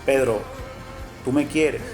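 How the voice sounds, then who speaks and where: A man voicing a calm adult teacher in a retold story, asking gentle questions, over faint music. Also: mid-range voice, takes it slowly.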